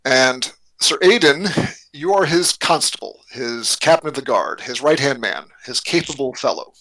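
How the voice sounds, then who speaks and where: A man runs a tabletop role-playing game, describing characters and setting to his players. His voice is bright and forceful, and he often stops and repeats words as he searches for the next phrase. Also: mid-range voice, animated, moderate pace, poor audio. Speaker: game master.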